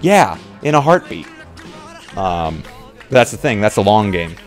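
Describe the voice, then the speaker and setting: With music in the background, a man who streams and plays roleplay chats on his livestream in a lowish voice, a little slow, with big pitch swings. His talk is rambling and hesitant, and he repeats phrases often.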